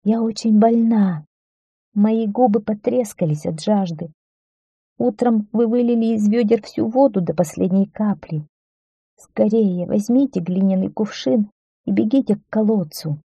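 A woman voicing a tired, ill mother in a children's story, speaking softly and wearily. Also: mid-range voice, moderate pace, gravelly, breathy edge, no echo, dull audio. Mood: weak. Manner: tired, soft and pleading. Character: weary sick peasant mother.

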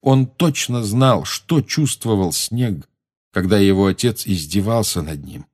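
A man narrating an audiobook in an even storytelling manner. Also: fairly low pitch, a little slow. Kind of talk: audiobook reading.

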